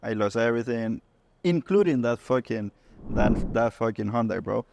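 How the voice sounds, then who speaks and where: A Honduran man co-hosting a car podcast tells stories in casual chat, relaxed, cursing and often restarting. His mid-range voice moves at normal speed with vocal fry, and there's background noise.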